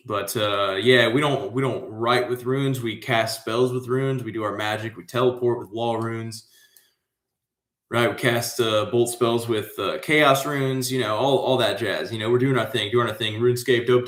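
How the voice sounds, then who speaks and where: A man's voice: mid-range voice, a bit bright. A man with an American accent, from Central Florida, hosting a casual livestream trivia show in a slangy, hyped, rambling way. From Central Florida, USA. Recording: echoey room.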